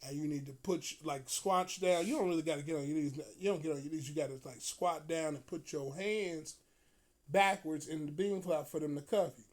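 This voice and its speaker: A man telling a profane story in a casual, animated way, often breaking into laughter. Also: on the high side, a little fast.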